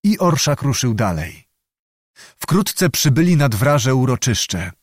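A man narrating a literary audiobook in a measured, steady storytelling manner. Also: medium pitch, dry recording, studio quality.

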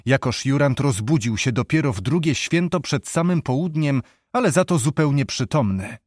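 A man narrating a historical novel in a measured, steady storytelling voice. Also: medium pitch, no room sound. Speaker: audiobook narrator. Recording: dry close studio sound.

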